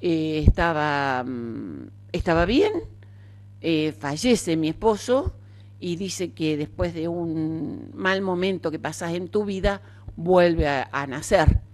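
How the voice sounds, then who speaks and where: A woman's voice: deep voice, takes it slowly, a little mellow. An older woman with an Argentine accent, telling her own story frankly and chattily in an interview, with many fillers. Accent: Argentine Spanish. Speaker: interviewee, cancer survivor. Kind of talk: casual conversational storytelling.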